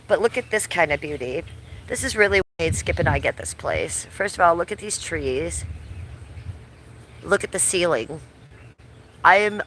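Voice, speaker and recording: A woman with a lowish, slightly bright voice hosts a casual outdoor livestream from her backyard beneath the trees, a bit sick and starting to lose her voice. She's loose and talkative, swearing casually and addressing viewers in chat by name. Slight background noise can be heard.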